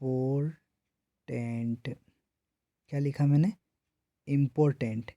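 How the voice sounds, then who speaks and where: Speaking slowly at a medium pitch, a man from India delivers a grammar lesson for exam preparation in a warm, steady voice. The studio-quality recording has no room sound. His style is repetitive call-and-response: he asks his own questions, answers them, and says each answer several times.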